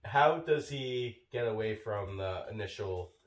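Low-voiced man eagerly pitching movie ideas. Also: animated, unhurried, far from the mic. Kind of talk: casual comic brainstorming, swearing. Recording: echoey room, off-mic.

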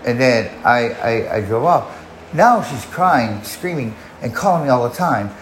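A man's voice: mid-range voice, very animated, measured pace. A man in his forties telling a long personal story on his podcast, rambling and swearing, with many restarts. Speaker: podcast host. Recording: echoey room, faint background noise.

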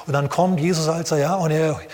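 A man preaching a sermon, telling the story in a lively way with playful asides and sound effects. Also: fairly high pitch, brisk, in a large hall. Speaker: pastor.

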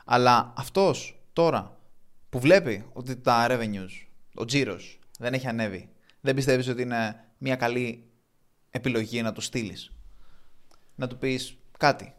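A man co-hosting a casual business podcast, calmly reasoning things through and asking follow-up questions. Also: medium pitch. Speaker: podcast co-host.

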